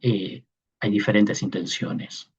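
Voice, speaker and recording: A man's voice: on the low side, fairly even intonation, slow. A man teaching a Koine Greek class, explaining patiently and often checking that his listeners follow. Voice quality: gravelly and husky. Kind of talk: online class lecture. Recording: dull lo-fi sound.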